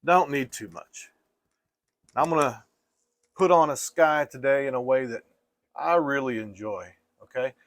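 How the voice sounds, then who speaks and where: A man teaching painting step by step in a casual, gentle and reassuring way, like an easygoing instructor. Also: mid-range voice, dry recording, clean studio sound.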